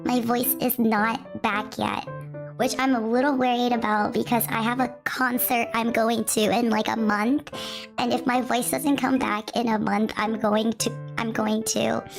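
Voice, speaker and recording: A woman's voice: a little high, little pitch movement, measured pace, over music. A woman livestreamer chatting casually with her viewers, her voice run through a voice changer filter because illness has taken her own voice. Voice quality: gravelly. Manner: chatty and scattered, with frequent restarts and self-deprecating asides. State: lost voice from illness, speaking through voice mod. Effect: voice changer filter altering her voice. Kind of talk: casual chat with stream viewers.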